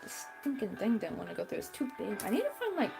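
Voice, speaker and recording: With music running in the background, this crochet channel host, a young adult woman with a youthful voice, talks to herself while crafting and grumbles about what's going wrong. She speaks fast at a medium pitch that swoops wildly, and her voice has a creaky quality.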